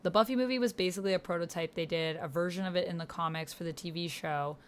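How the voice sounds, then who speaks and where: A woman with a lowish voice talks quickly and casually on her livestream as she plays a text-based roleplaying game, reading messages aloud as she types and thinking out loud. The sound of her computer keyboard adds noticeable background noise.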